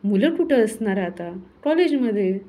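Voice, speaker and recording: A woman voicing a reserved, caring middle-aged wife in a storybook reading, speaking in a brisk, homely way. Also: medium pitch, very animated, dark tone.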